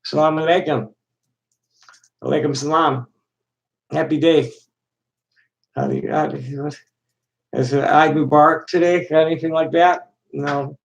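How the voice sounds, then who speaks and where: Halting, rambling middle-aged man. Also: on the high side, fairly even intonation, gravelly, muffled recording. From Chicago. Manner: halting, many restarts and fillers. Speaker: live stream host. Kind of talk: rambling casual monologue to chat.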